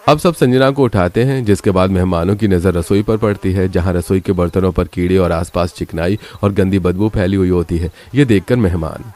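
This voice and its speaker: Deep-voiced male story narrator. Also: a little fast, few pauses, mellow.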